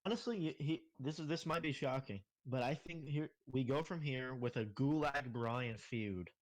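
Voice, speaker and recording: A man's voice: mid-range voice, normal speed, low-quality recording. A man co-hosting a casual wrestling podcast, chiming in with short agreements and laying out his predictions. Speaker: podcast co-host. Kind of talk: casual wrestling review chat.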